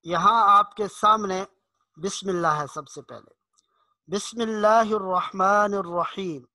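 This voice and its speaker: Guy teaching quran pronunciation, high bright voice, dry close sound, stretches the words out slow. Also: dry recording. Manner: explains slowly, drawing out recited words to show correct sounds. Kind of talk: online pronunciation lesson.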